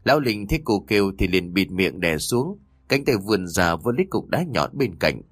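A man narrating a ghost story in an expressive, dramatic storytelling style. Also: sits low, normal speed, husky, dry recording, clean studio sound. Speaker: audiobook narrator.

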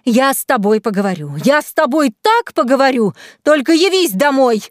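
A woman voicing a jealous young wife who screams shrill insults in an audiobook scene. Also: big pitch swings, fairly quick, no echo, clean studio sound. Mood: furious.

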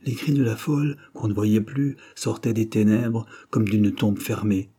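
Low, dark-voiced male narrator. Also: a little slow, husky. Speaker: audiobook narrator. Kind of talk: scripted literary narration.

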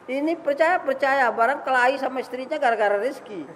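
A man's voice: very high-pitched, brisk, a bit bright, slight background noise. A male religious teacher giving an informal, teasing sermon to a study group, laughing often and singing the ends of verses, recorded in an echoey hall. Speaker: ustaz leading a Quran study. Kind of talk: informal sermon with Quran recitation.

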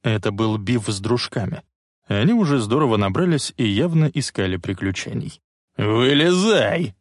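A man's voice: lowish voice, expressive, moderate pace, a little mellow, no room sound. Man narrating a story, dry close sound. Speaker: audiobook narrator. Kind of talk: scripted narration.

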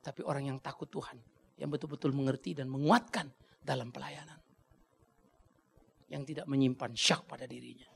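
A man preaching a sermon as pastor, dramatic and blunt, dropping to a hush and then rising to a shout. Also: mid-range voice, fairly even intonation, normal speed, creaky, long pauses, slightly rough. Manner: dramatic, swings from hushed to shouting; colloquial, blunt asides.

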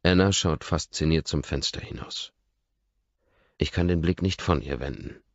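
A man narrating an audiobook in the first person, in a calm, measured reading that drops to a murmur. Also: a bass voice, dry recording, highs cut off.

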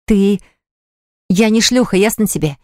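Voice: medium pitch, measured pace, dark tone, no echo, clean studio sound, close to an everyday voice. A reader voicing a hurt, indignant young pregnant woman who reproaches her fiancé in an audiobook. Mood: outraged.

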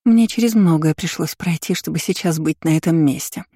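A woman voicing a scheming, seductive stepmother in an audiobook story, lifting her voice higher and coy. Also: fairly quick, dark tone, slightly rough, dry recording, clean studio sound.

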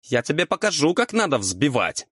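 A man's voice: fairly low pitch, sing-song, normal speed, fairly bright tone, no echo, clean studio sound. A man voicing a lazy, cheeky male imp who grumbles and bickers. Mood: indignant. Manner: grumbling, sulky.

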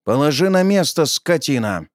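A man playing a guilty, hung-over man at his wits' end, pleading and then snapping. His voice is close and dry, moving lively between highs and lows. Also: moderate pace, dry recording. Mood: angry.

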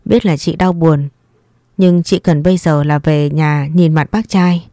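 A woman voicing a gentle, caring young man. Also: low voice, steady tone, unhurried, no room sound, studio quality. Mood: gently coaxing.

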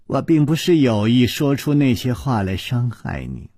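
A proud young woman of old tales, icy then sly, her lines dropped low and soft, sometimes sinking to a breathy whisper, as a man puts her on. the pace stays slow and measured, and the voice keeps a husky grain. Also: no room sound, studio quality, full character voice. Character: cold proud young woman, teasing and coy.

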